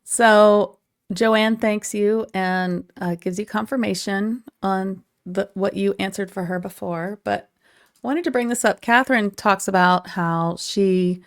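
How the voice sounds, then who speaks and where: Medium-pitched woman hosting a question session. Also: fairly even intonation, slow pace. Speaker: host relaying audience questions. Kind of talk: live online session moderation.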